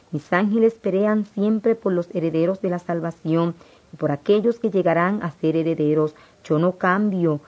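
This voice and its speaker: A woman voicing a gentle, solemn male divine speaker, read in an even, earnest tone with little change from her own voice. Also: lowish voice. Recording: dull lo-fi recording.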